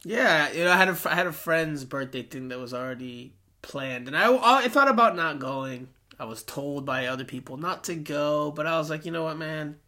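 A man's voice: a little high, moderate pace, hardly any pauses, sharp tone. A man hosting a sports podcast in a chatty way, talking with a swollen cheek after having wisdom teeth out. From Peruvian American. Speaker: podcast host.

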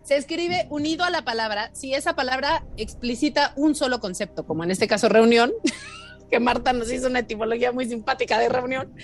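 A woman's voice: high-pitched, brisk. A woman teaching spelling and grammar as a guest on a radio show, teasing and emphatic, laughing often. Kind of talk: playful radio quiz lesson.

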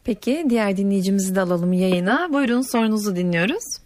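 A woman's voice: medium pitch, lively intonation, fast talker, a little mellow, a little hiss or hum. A woman hosting a radio call-in, formally thanking guests and bringing listeners on air. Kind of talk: brisk formal hosting of callers. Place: radio studio.

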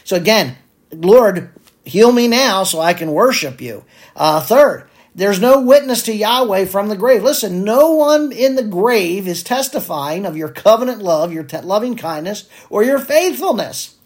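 A man's voice: high-pitched, very animated, a little slow. A man preaching a sermon on a psalm, earnest and pleading, with many fillers and restarts.

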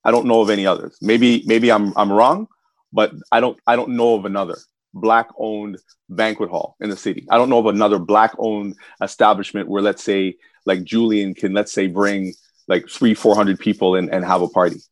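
A man's voice: fairly low pitch, normal speed, no room sound. A man who works as a voice actor, talking with passion on a podcast and acting out the people he quotes. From Canada. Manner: animated, impassioned, acts out quoted people. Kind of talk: casual podcast discussion.

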